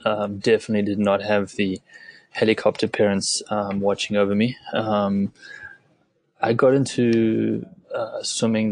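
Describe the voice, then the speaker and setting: A middle-aged man from South Africa, a former Olympic swimmer, talking as an interview guest and pausing often with ums and restarts. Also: fairly low pitch, darkish tone. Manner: hesitant, many ums and restarts. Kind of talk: conversational interview.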